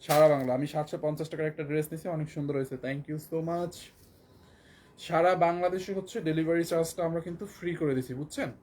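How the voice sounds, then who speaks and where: A hoarse man with a Bangladeshi Bengali accent, selling clothes on a live stream and repeating prices again and again. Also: a little high, little pitch movement, fast talker, a little mellow. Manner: repetitive, keeps repeating prices and urging viewers to buy. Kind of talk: live shopping sales pitch.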